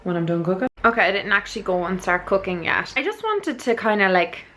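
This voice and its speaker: A woman's voice: medium pitch, lively intonation, fast, a bit bright, a little hiss or hum. A woman with an Irish accent chatting casually to camera as a vlogger, earnest and rambling, often checking that she makes sense.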